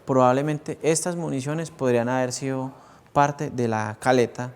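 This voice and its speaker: A man in a measured technical explanation, interviewed as a weapons expert. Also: mid-range voice, fairly even intonation, a little mellow, clean tone.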